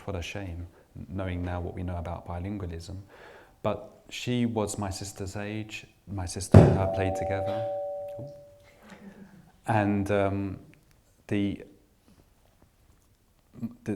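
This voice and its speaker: A middle-aged man from England, appearing as an invited speaker, shares a reflective personal talk with listeners, repeatedly restarting sentences and filling gaps. His voice sits low with a darkish tone.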